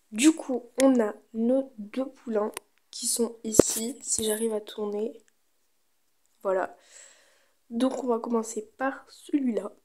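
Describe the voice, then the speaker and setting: A woman's voice: on the high side, slight background noise. A woman giving casual, chatty gameplay commentary, thinking aloud as she goes. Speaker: gaming video creator.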